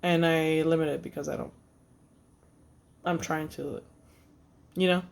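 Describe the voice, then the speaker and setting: A woman recounts a personal story for her vlog in an unpolished, halting way, trailing off and restarting often. Her voice carries a gravelly, creaky edge, and she swears freely and bluntly. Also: low voice, fairly even intonation. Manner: halting, with many fillers and restarts. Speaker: vlogger.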